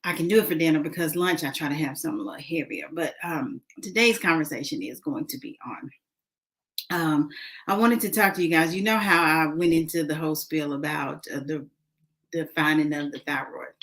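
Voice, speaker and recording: A woman's voice: deep voice, fairly quick, fairly bright tone. A woman vlogging casually, chatting with many fillers while she eats a snack. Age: adult, mother of a son. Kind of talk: casual eating and talking vlog.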